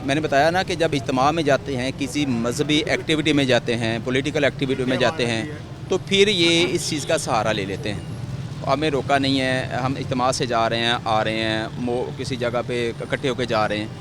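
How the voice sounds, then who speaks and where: A man with a Pakistani Urdu accent, a traffic warden, explaining the rules in a measured way at a roadside. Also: medium pitch. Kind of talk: official explaining on camera. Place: roadside outdoors in city traffic. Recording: loud street traffic noise.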